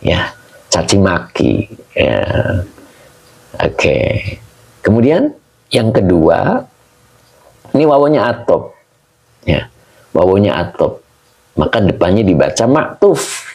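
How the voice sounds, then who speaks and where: A man teaching a religious text in a live lesson, slowly explaining Arabic grammar and greeting viewers by name. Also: fairly low pitch, big pitch swings, vocal fry, a little mellow, poor audio. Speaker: Islamic teacher. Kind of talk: live-streamed kitab study lesson.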